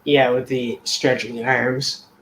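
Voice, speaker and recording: A man's voice: medium pitch, fairly even intonation, takes it slowly, a bit bright, rough recording. A man with a mid-range voice rambles through a casual chat on a drawing show, stumbling and restarting as he searches for words. There is a faint hiss behind him. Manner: rambling and hesitant, full of fillers and restarts. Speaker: co-host of a drawing talk show.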